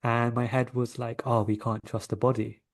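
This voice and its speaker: He's an interview guest from London, England, a coach and energy healer with a London English accent, telling stories conversationally. His voice is mid-range with little pitch movement, at a normal speed.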